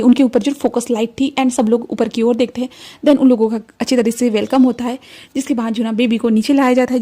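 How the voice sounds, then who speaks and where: A woman casually reading a romantic fan story aloud in Hindi, chatty and relaxed, with plenty of filler words. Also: fairly high pitch.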